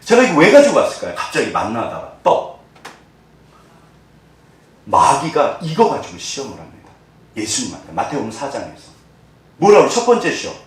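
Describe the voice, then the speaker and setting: A male pastor delivers a sermon with a lively voice that swings high and low, asking his listeners question after question and acting out the lines he quotes. He is picked up from a distance, and his voice rings through a very echoey church hall. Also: moderate pace, long pauses. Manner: animated, asks the congregation questions, acts out quoted lines. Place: church sanctuary.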